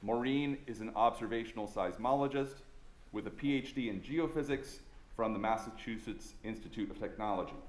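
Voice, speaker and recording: A man working as an assistant chaplain hosts a faculty talk, reading a formal introduction in a measured, courteous way and then asking questions. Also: on the low side. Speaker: assistant chaplain and interview host. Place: chapel center event space. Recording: echoey room with faint ambience.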